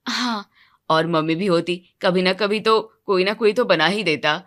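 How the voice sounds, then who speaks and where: A weary cartoon husband, voiced by a woman lowering her pitch. He speaks softly and wearily in a bright, clear tone. Everything comes out low-key and a little grumbling. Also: measured pace. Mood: calm, tired. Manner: subdued, low-key, quietly complaining. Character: weary grown man, soft-spoken husband. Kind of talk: animated storybook voice acting.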